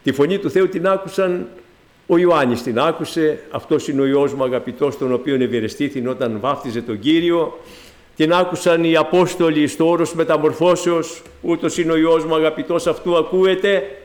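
Preaching a sermon in a fairly high voice with fairly even intonation, a man builds emphatically to loud exclamations, then drops low to address his listeners. Dry, ironic, mocking asides run throughout.

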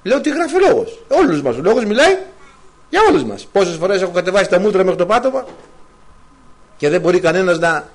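A male preacher delivers a sermon in a fairly high voice that leaps up and down in pitch. He asks the congregation question after question and weaves in scripture. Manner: animated, rhetorical questions, quotes scripture.

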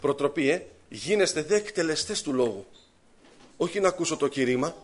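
A man's voice: on the high side, expressive, slightly rough. A man preaching a sermon, telling his own story and voicing his thoughts and prayers. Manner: rising fervent pleading in prayer.

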